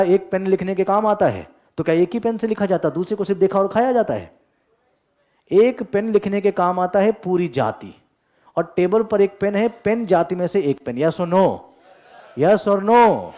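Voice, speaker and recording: Energetic male grammar teacher lecturing a class. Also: high-pitched. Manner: energetic, keeps asking "yes or no?" to check understanding; joking asides to the class.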